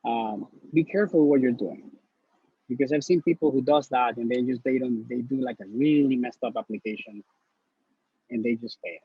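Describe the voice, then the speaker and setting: Speaking at normal speed in a mid-range voice with a breathy edge, a Honduran man, newly matched into neurology residency, shares earnest, blunt advice as a casual video-call interview guest, often repeating words. The recording is dry, slightly dull and lo-fi.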